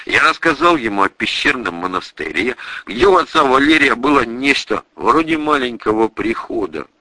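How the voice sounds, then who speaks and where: A man reading a first-person audiobook story in a lively way. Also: mid-range voice, normal speed, dry recording, low-quality recording. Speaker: audiobook reader.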